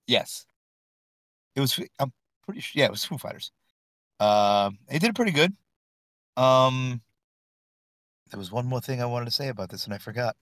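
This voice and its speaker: A man's voice: medium pitch, lively intonation, normal speed, long pauses, a bit bright, no room sound. A man co-hosting a casual podcast, joking and swearing while talking in a car. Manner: joking, profane banter. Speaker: podcast co-host. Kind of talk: casual chat.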